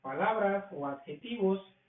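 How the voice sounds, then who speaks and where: Guy teaching grammar slowly, asks himself questions, kinda far off the mic. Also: high-pitched, lively intonation. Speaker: English teacher. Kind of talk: slow classroom explanation. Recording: tinny, echoey, from far off the mic.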